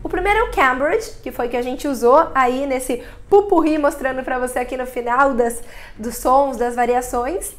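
A woman's voice: high-pitched, moderate pace. A woman from Brazil giving a chatty English pronunciation lesson, sounding out vowels as she explains. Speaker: English teacher. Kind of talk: casual video lesson.

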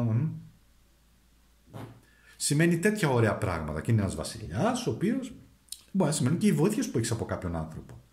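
A man reads tarot cards for his viewers in a relaxed, chatty way, with a lively pitch that swoops up and down. He keeps turning to the audience with coaxing asides. His voice rings in an echoey room. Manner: animated, addresses viewers directly with coaxing asides. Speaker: tarot reader. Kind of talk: casual tarot card reading to viewers.

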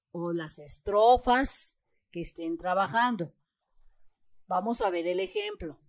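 Speaking in a mid-range voice with no room sound, a woman with a Mexican Spanish accent guides listeners through a schoolbook exercise. She goes step by step, patiently stressing the syllables of the example words she reads.

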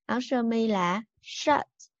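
A woman teacher giving a recorded bilingual English lesson to young children. She stresses and repeats each English word clearly. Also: a little high, slow, dry recording, dull audio. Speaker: primary school English teacher.

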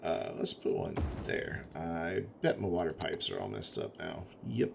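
Gravelly man chatting through a city-builder. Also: low-pitched, very animated, a little slow, music in the background. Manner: thinking aloud, chatty, mildly exasperated at the game. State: has the hiccups. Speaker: gaming video host. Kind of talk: casual gameplay commentary.

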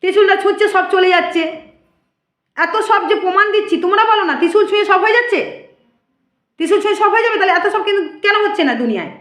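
A vlogger speaks to camera in a direct rant, defending herself against critics in an aggrieved, lecturing way. Her voice is very high-pitched, expressive, racing, and fairly bright, recorded on a phone in an echoey room.

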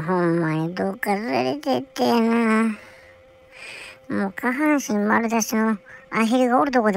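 A woman's voice: fairly low pitch, slight background noise, rough recording. A woman voicing a bored, whiny young male polar bear cub who rambles and grumbles to himself with a Kansai accent. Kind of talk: comic character monologue.

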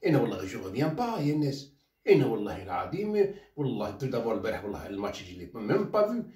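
A man's voice: mid-range voice, big pitch swings, very fast, warm tone. A man from Khenchela with an Algerian Arabic accent, a journalist giving a heated rant that slips into French phrases. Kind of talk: ranting commentary. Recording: roomy echo, mic set at a distance.

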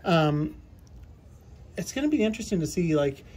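A woman's voice: on the low side, big pitch swings, normal speed, dark tone. A woman hosting a casual group chat on camera, chatty and playful, often giggling. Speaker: lottery scratcher channel host. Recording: faint background noise.

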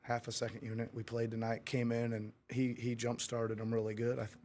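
A man's voice: medium pitch, completely flat delivery, a little fast, darkish tone, a little hiss or hum. Middle-aged man, head coach at a press conference, rambling candid answers at a table mic. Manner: candid, rambling, with frequent restarts. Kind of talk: post-game press conference. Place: press room before a sponsor backdrop. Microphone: table mic in front of him.

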